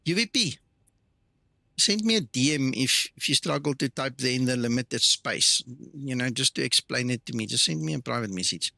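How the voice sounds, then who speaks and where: A man whose first language isn't English hosts a live flight simulator stream, chatting casually, greeting viewers by name, and reading and answering their comments. His mid-range voice is expressive, bright and forceful, with vocal fry, at normal speed and with no echo.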